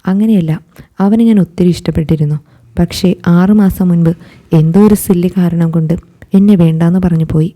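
A woman voicing a shy, soft-spoken young woman with hesitant replies. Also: fairly low pitch, moderate pace, natural voice.

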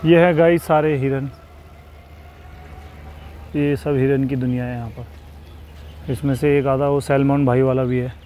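A man in his thirties with a dark, mid-range voice and fairly even intonation speaks unhurriedly, pausing often. He's a travel vlogger chatting casually and directly to viewers on a clip-on mic while touring a city zoo outdoors and riding a motorbike, with traffic noise audible behind him.

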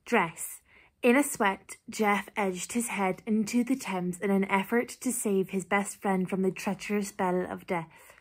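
A young woman with a Cork Irish accent and a husky voice, reading test sentences aloud in a careful, deliberate way. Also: medium pitch, fairly even intonation. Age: young adult. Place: small bedroom, indoors.

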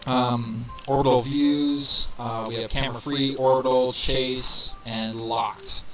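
His delivery is flat and slow, his medium-pitched voice fairly bright, as he narrates a relaxed game walkthrough, thinking out loud with fillers and counting down. A cheap desk mic gives his voice reverb, with crowd noise and faint music in the background.

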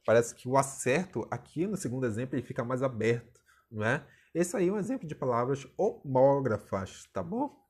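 Young male teacher, husky mid-pitched voice, chatty video-lesson delivery full of tag questions. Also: lively intonation, a little fast, a little mellow.

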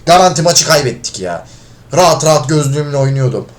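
Frustrated young-sounding gamer man, lively voice. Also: a little high, brisk. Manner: frustrated, swearing, shouts when losing. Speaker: gaming video creator. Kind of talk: live gameplay commentary.

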